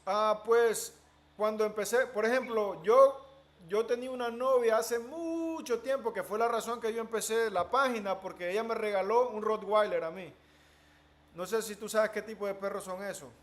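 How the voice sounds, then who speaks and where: A man with a noticeably high voice who talks in an animated, storytelling way during a casual conversation. He drops English words into his speech. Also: moderate pace. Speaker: interviewee.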